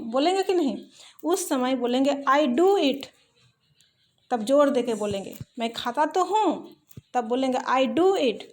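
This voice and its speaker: A woman teaching English grammar in a patient lesson, spelling out example sentences slowly word by word. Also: high-pitched. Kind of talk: slow explanatory lesson.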